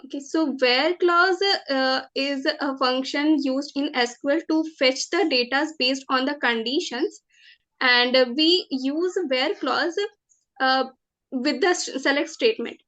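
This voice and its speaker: A young woman with an Indian accent and a high-pitched voice answers formally as a job candidate. She sounds nervous and hesitant, halting often as she works through her answers. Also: a bit bright. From Jharkhand, India. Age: 20s. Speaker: job candidate in a mock interview.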